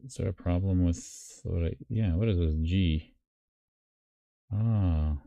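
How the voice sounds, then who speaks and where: Very low-voiced man thinking aloud. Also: takes it slowly, creaky, dark tone, no room sound, studio quality. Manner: thinking aloud, many fillers and restarts. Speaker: live stream host. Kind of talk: casual screen-share walkthrough.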